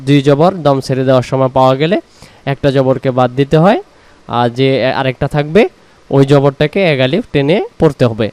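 A man teaching word-by-word Quran recitation, explaining pronunciation and slowly drawing out each word. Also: medium pitch, a little mellow, no echo. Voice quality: very clear voice.

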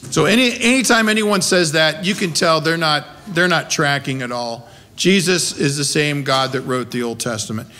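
Sharp in tone and fairly high, a middle-aged or older American man preaches at a moderate pace, mixing conversational delivery with emphasis and rhetorical questions. The setting is a small wood-paneled church, his voice going through a gooseneck pulpit microphone.

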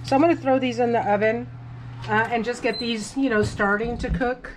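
In a casual cooking demo, a woman films on a handheld phone while cooking in her home kitchen, chattily narrating each recipe step herself. Her voice is a little high and steady, fairly quick, and the low-quality recording has a little hiss or hum.

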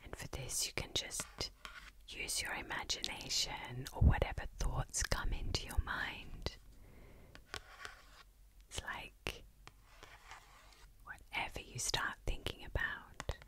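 A middle-aged woman whispering softly and breathily into a close microphone, giving a soothing, mystical fortune-teller style ASMR tarot reading with long pauses. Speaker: ASMR tarot reader and energy healer. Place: indoors, close in front of a hanging tapestry. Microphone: desktop condenser microphone, very close.

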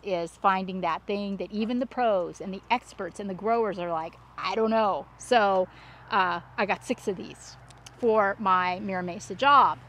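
A woman hosting a casual walk-through vlog, talking in an excited, gushing, exclamatory way. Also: medium pitch. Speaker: landscape designer hosting a plant tour. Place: outdoors at a plant nursery. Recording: outdoor ambient and vehicle noise.

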